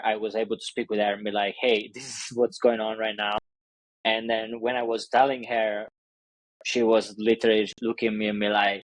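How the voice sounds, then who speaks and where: A man's voice: fairly low pitch, no echo, low-quality recording. Italian-accented male business coach, loose non-native English, dry close sound. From Italy. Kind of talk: casual interview talk.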